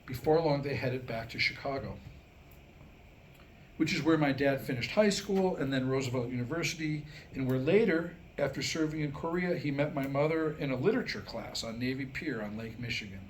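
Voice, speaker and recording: With a brisk delivery and mid-range voice, this middle-aged man performs comedic monologue and storytelling as a playwright at a staged reading. The live audience room recording is rough and has background noise.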